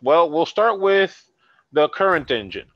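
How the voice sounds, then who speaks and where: A man's voice: fairly high pitch, very animated, measured pace, no echo, muffled recording. A man in his fifties co-hosting a gaming podcast, teasing and exasperated in banter and explaining the news. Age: 50s. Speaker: podcast co-host.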